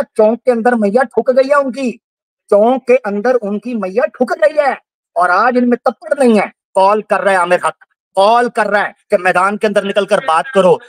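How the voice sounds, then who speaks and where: A man's voice: sits high, no room sound. A man hosting a livestream debate, taunting and repeating his jabs in a heated call-out. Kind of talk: heated live call-out on stream.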